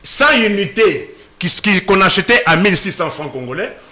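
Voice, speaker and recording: A man's voice: sits high, expressive, normal speed, pushed and bright. Man citing price figures in a debate. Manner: interjects with figures and short jabs. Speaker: debate panelist.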